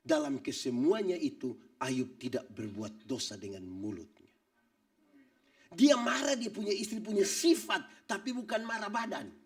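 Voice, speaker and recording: A man preaching a church sermon, animated and joking, acting out little scenes. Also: high-pitched, measured pace, recorded from a distance. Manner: animated preaching with acted-out quotes and jokes. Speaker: pastor.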